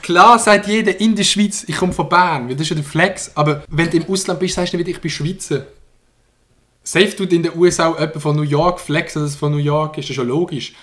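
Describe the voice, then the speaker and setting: A man's voice: fairly high pitch, fairly quick, fairly bright tone. Laughing young Swiss German man. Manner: slangy, joking, laughs often. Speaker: YouTuber reacting to a video. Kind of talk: casual reaction commentary.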